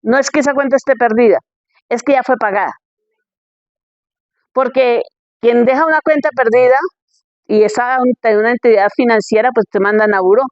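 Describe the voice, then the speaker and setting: High-voiced woman preaching. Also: moderate pace, long pauses, no room sound, highs cut off. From Colombia. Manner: reads Bible verses, checks in with "¿ok?".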